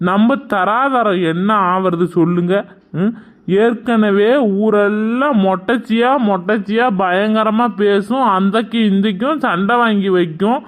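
A man voicing an adult son in a cartoon who grumbles about his mother and keeps asking "hm?". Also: high-pitched. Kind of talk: cartoon voice acting.

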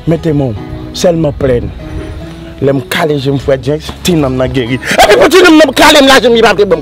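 A man playing a boastful self-styled miracle worker. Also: high-pitched. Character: boastful man claiming to work miracles for pay. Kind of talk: amateur drama acting.

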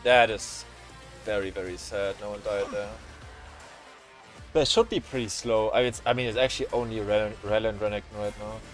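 A man streaming a game on a headset mic, reacting with excitable swearing and laughter. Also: fairly low pitch, normal speed. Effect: livestream headset mic audio. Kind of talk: live gameplay commentary. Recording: streamed voice with game music behind. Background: game music.

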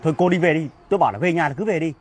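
A man's voice: a little high, very fast, husky. A man playing a husband, defensively urging his wife to go home and talk there. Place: outdoors by a street at night. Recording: faint outdoor noise with crickets.

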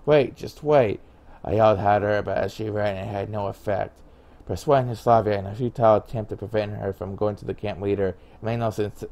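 A man's voice: on the low side, flat delivery, brisk, a little mellow. A man reading a visual novel aloud, who stumbles over words, restarts them, and mutters asides to himself. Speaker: game narrator.

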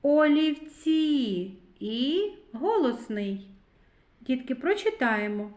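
A woman teaching a recorded literacy lesson to preschoolers, speaking slowly and clearly and drawing out words syllable by syllable. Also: a little high, big pitch swings, a little mellow, roomy sound. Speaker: kindergarten teacher.

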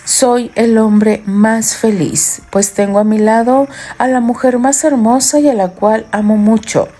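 A woman's voice: medium pitch, expressive, unhurried, warm tone, natural voice. A woman voicing a playful, affectionate young husband who teases his wife in an audiobook romance. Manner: teasing, affectionate.

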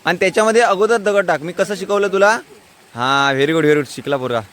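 A man's voice: sits high, a little fast, fairly bright tone. A young man from Konkan, coaxing a child through short, repeated instructions outdoors by a stream. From Konkan, India. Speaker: vlogger teaching a child. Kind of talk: casual outdoor vlog.

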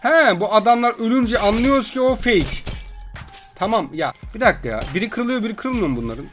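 A young man with a Turkish accent giving loud, swearing gameplay commentary with frequent outbursts. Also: high-pitched, lively intonation, brisk, faint music behind. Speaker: gaming video host.

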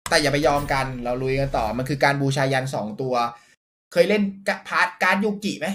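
Young man, gaming streamer, pack-opening commentary, sudden loud yells, wildly swinging pitch. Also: animated, quick pace, a little hiss or hum. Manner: loud outbursts and swearing at pack reveals.

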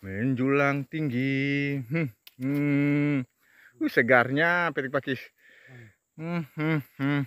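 A man vlogs while walking outdoors among oil palms, chatting casually, humming often, and slowly stretching out words he repeats. His medium-pitched voice is fairly bright and clean, with no echo.

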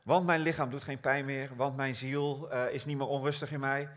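A man preaching a sermon, slow and prayerful, rising to loud emphatic scripture reading. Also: medium pitch, fairly even intonation.

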